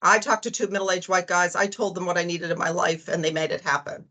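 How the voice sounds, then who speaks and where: A woman's voice: fairly low pitch, little pitch movement, fairly quick, pushed and bright. A woman in her forties with a Boston accent, speaking as a panelist on a video call, friendly and conversational. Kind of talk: virtual panel discussion. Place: home office over video call.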